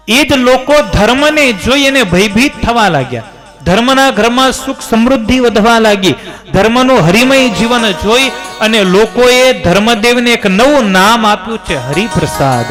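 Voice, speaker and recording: A man with a high voice tells a devotional story in the manner of a sermon. His delivery climbs and falls dramatically as he narrates. Soft music plays faintly behind him. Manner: dramatic rises and drops in pitch. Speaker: religious storyteller.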